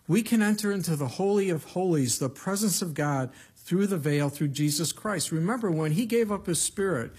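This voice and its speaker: A man preaching at a pulpit microphone with a slightly husky, somewhat higher-pitched voice. He teaches scripture in a plain, conversational way and punches his points with short emphatic asides. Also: lively intonation, moderate pace, few pauses, darkish tone. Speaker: pastor. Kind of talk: verse-by-verse Bible teaching sermon.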